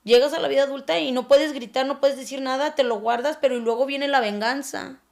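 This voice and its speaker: A woman with a Mexican accent gives a personal testimony on a podcast. Her fairly high voice carries a gravelly fry, and she speaks haltingly. She searches for words and lets her sentences trail off softly. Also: steady tone. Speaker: anonymous guest sharing her story.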